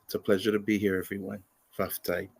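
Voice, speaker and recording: A man's voice: lowish voice, flat delivery, fast, husky. A man from Samoa introduces himself as a panelist on a video call with formal, ceremonious greetings.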